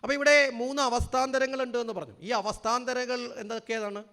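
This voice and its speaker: High-voiced man preaching in a hall. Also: fairly even intonation, a bit bright. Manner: asks the audience questions, slows down to stress key words. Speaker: spiritual speaker. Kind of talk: spiritual discourse to a gathering.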